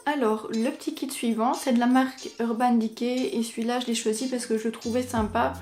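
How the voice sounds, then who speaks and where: A woman's voice: on the high side, fairly even intonation, brisk, darkish tone, soft background music. Chatty woman beauty vlogger. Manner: chatty, many fillers like "donc" and "ben". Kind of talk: casual chat.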